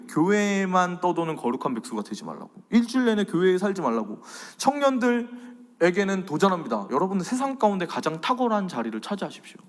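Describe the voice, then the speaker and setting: A man in his thirties preaching a faith lecture as a pastor, animated, swinging between loud and soft. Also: high-pitched, big-room sound. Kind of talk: sermon-style faith lecture.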